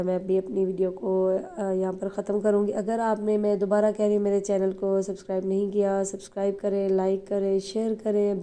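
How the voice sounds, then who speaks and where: A woman from Pakistan talking quickly and chattily to her viewers in a casual vlog, her voice a little hoarse from flu, with many fillers. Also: medium pitch, dark tone. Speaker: vlogger.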